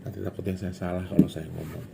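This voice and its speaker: Speaking quickly in a low, creaky voice with flat delivery, a man who makes spiritual vlogs rambles casually to his viewers, drifting into phrases as he goes. Background noise can be heard.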